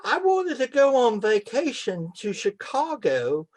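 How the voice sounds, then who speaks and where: A woman's voice: a little high, sing-song, darkish tone. A woman playing a hesitant, politely disgruntled customer on an improvised comedy phone call. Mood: hesitant complaining. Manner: halting, mock-polite complaining.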